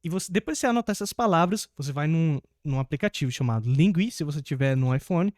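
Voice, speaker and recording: A man, an English teacher explaining grammar to the viewer, patient and repeating key points, slowing down for each example sentence. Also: a little high, animated, darkish tone, dry recording, studio quality.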